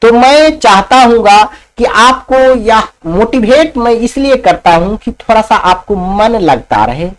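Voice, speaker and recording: Male teacher with a Bihari Hindi accent, high-pitched and slow, telling a class a story with playful chuckles. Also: lively intonation, low-quality recording. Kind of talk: storytelling lesson for school students.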